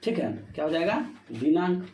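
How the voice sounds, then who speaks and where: High-voiced Hindi grammar teacher, echoey room. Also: male voice, animated, a little fast, a little mellow. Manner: repetitive rhetorical questions, "ठीक है" fillers. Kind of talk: board-exam grammar lesson. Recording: echoey room with faint noise.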